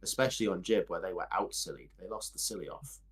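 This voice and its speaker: A man co-casting an esports match, giving measured analysis with a dry, wry humour. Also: low voice. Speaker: esports co-caster.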